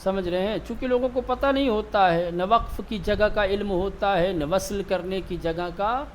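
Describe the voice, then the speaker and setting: A man teaching tajweed in a classroom, asking his students questions and answering them himself, slowing down to repeat key terms. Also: sits high, a little hiss or hum. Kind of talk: classroom lecture.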